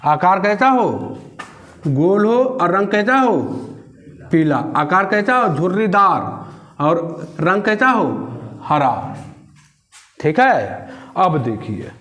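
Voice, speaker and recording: Slow, high-voiced teacher drilling. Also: male voice, sing-song, a bit bright. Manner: repetitive question-and-answer drilling. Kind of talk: classroom lesson.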